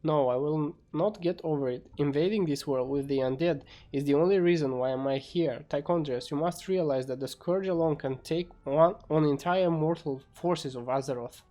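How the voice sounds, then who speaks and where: A man's voice: a little high, normal speed, hardly any pauses, warm tone, lightly acted. A man voicing an indignant, hot-tempered demon warlord who protests formally in an amateur fantasy game story.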